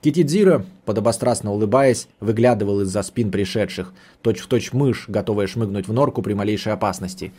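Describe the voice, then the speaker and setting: A man reading a novel aloud in the first person, with a measured, steady storytelling delivery. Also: on the low side, slightly rough. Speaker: audiobook narrator.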